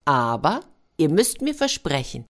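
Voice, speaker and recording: A woman voicing a gentle, grateful young crane-maiden who speaks softly and politely. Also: low voice, very animated, a little slow. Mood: earnest.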